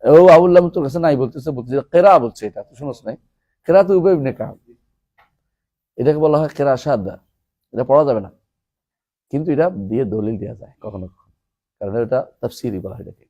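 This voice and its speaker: A male teacher leads a classroom lesson on a religious text. His voice is dark and mellow, sitting at an ordinary pitch. He quizzes his students as he goes, explains terms one by one, and slows right down when reciting Arabic verse. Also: expressive, highs cut off. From Bangladesh. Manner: asks students questions and explains term by term. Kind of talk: classroom lecture with questions to students.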